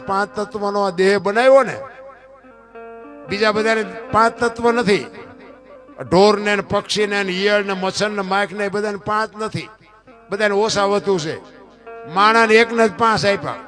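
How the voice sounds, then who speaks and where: A man giving a folksy moral talk as a folk storyteller, throwing rhetorical questions at his listeners. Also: sits high. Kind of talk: folk moral discourse to an audience. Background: instrumental string music.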